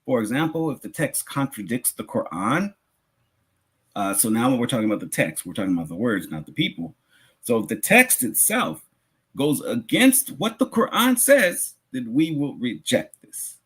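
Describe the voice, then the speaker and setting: A male preacher gives an Islamic teaching lecture in a husky, mid-range voice at normal speed, with lively, swooping intonation. He explains things with emphatic repetition and rhetorical asides.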